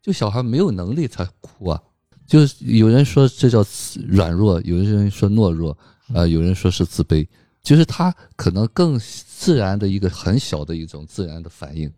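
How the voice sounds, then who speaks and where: Counselor guy on a podcast, really low voice, warm, explains stuff slowly with lots of fillers. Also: lively intonation, no echo, studio quality. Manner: explaining patiently, with frequent fillers. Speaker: psychological counselor and guest. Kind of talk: casual film discussion.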